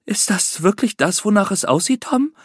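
A man's voice: high-pitched, animated, moderate pace, slightly rough, no room sound, clean studio sound, voice pushed up. A man voicing a worried mother in a children's audiobook, speaking anxiously and a little breathily. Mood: stunned. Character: worried mother, flustered but kind.

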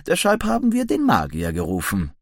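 A man voicing a brawny, cheerful young male werewolf in an audiobook, talking in hearty, excited banter. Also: lowish voice, a little fast, dry recording, studio quality, full character voice. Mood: chatty.

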